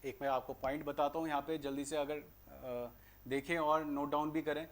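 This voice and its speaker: A fairly high-voiced man with an Indian accent teaches a grammar lesson for exam preparation. He explains points conversationally, then slows right down to read English sentences word by word. He quizzes the class with questions he answers himself. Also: flat delivery. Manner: explains in Hindi, reads English sentences slowly and deliberately; asks and answers his own rhetorical questions.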